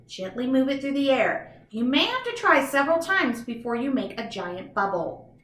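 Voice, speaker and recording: The speaker is a female teacher reading aloud for children, her tone eager and her voice high and bright. She explains as she reads, in chatty asides aimed directly at young kids, and the room carries an echo.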